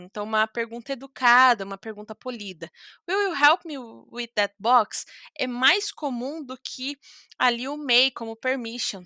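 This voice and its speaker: A high, bright-voiced Brazilian woman explains grammar in a relaxed, chatty way, dropping frequent tag questions to her students. She slows down deliberately whenever she models an English phrase. The sound is close and dry, with no room around it. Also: no room sound. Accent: Brazilian Portuguese. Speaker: English teacher. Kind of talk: casual explanatory lesson.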